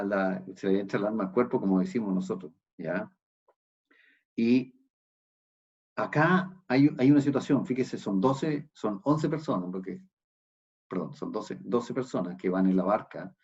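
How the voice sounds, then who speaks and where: A low, husky male voice with a Chilean accent delivers a sermon from a church. He explains the passage in an explanatory tone and keeps checking in with the congregation. The recording sounds dull and lo-fi. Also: darkish tone. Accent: Chilean Spanish. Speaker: pastor.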